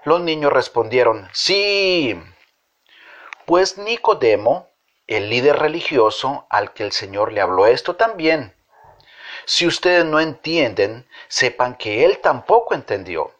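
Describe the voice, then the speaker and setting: Male storyteller, children's Bible story, slow and sing-song, lo-fi. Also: mid-range voice, sing-song, fairly bright tone. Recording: dull lo-fi recording.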